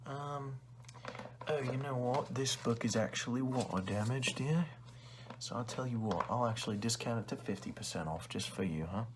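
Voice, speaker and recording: In a soft ASMR role-play, a man performs a condescending male librarian using a chummy yet rude salesman's patter. His natural, average-pitched voice moves at normal speed in a casual, pitching mood. The recording has some noise and clicking.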